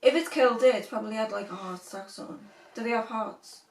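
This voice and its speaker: A woman's voice: on the high side, fast talker. Podcast co-host, woman, wry and questioning; echoey room. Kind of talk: casual chat. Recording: roomy, from a distance.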